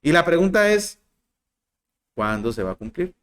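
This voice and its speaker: Expressive Spanish-speaking male preacher. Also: normal speed, clean tone. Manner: expressive, swings between loud emphasis and soft low lines; addresses listeners directly, asks rhetorical questions. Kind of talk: sermon.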